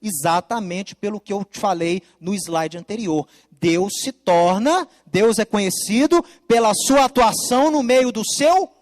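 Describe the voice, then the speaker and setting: Man, bible teacher, high-pitched, emphatic and repetitive, long echo. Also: measured pace. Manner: emphatic, explanatory, repeats key points. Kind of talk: teaching lesson with slides. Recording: long reverb.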